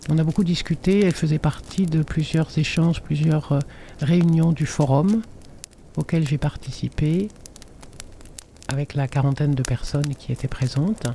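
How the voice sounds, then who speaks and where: Mellow-voiced man hosting a radio show. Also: a little high, moderate pace, a little hiss or hum. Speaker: radio host. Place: inside a tipi by a fire in the rain.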